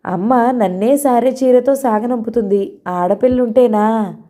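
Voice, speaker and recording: A woman's voice: fairly high pitch, unhurried, dark tone, natural voice. A woman doing a cheeky young son. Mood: joking. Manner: cheeky, joking. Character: playful teasing young male student son.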